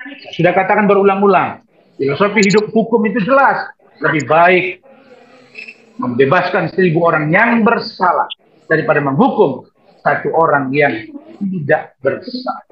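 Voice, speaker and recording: A man speaking as a lawyer at a press conference, emphatic and repetitive. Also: a little high. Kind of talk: press statement and Q&A. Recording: dull lo-fi sound.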